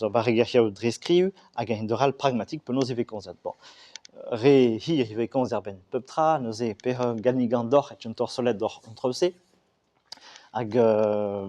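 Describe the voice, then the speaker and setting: A man explains his subject in a halting way, stopping often on fillers and starting his phrases over. His voice is mellow and warm, pitched in an ordinary middle range. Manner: halting, many fillers and restarts. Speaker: Breton language speaker discussing regional and school Breton. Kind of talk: explanatory talk.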